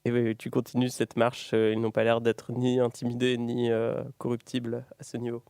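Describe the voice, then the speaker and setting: A man's voice: mid-range voice, monotone, moderate pace, a little mellow, smooth, dry recording, clean studio sound. A man acting as game master, improvising the narration of a tabletop role-playing game in a conversational way.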